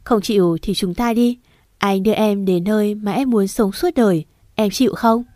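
A woman reading the lines of a tender, earnest young husband in a storybook romance, in a gentle, reassuring way. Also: mid-range voice, normal speed, no echo, studio quality, lightly acted.

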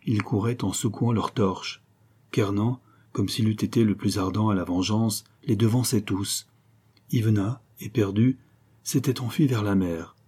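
A man with a low, dark voice reads a historical novel aloud in steady, measured audiobook narration. His tone has a husky grain.

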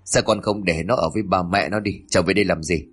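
A man's voice: deep voice, fairly even intonation, quick pace, a bit bright, husky. A man voicing a scheming older mother-in-law who talks brusquely, in a storybook reading. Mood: dismissive.

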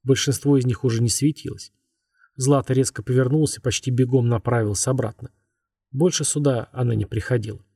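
A man narrating a scripted horror audiobook in a measured, even way. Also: mid-range voice, husky, dry recording, studio quality.

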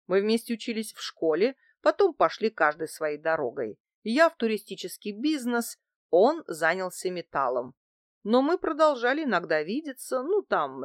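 Brief: smug, skirt-chasing travel boss in a detective audiobook, read by a woman, brisk and evasive, dry close sound. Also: fairly low pitch, no echo. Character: smug married male travel agency director. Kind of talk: audiobook character voicing.

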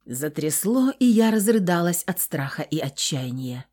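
A woman's voice: fairly low pitch, very animated, a little slow, a little mellow. A woman narrating an audiobook in the first person, with a tense, dramatic delivery.

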